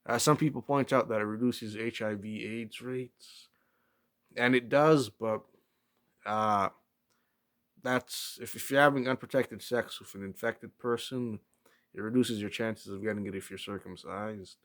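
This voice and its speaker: A man giving a rambling, casual opinion talk as a solo vlogger, hesitant and often pausing to search for words. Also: on the low side, fairly even intonation, a bit bright.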